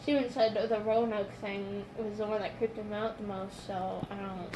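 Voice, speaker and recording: A woman's voice: medium pitch, steady tone, normal speed, noisy background. A young adult woman chatting casually and retelling moments dramatically, acting out what people said. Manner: dramatic retelling with quoted dialogue. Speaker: patient recovering from wisdom tooth extraction. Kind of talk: casual chat.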